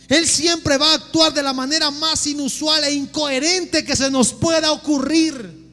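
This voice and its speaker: A man preaches in a very high, sharp voice, asking his congregation question after question. His voice rings out in a big, reverberant church hall. Soft music plays behind him. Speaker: pastor. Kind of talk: sermon. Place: church sanctuary.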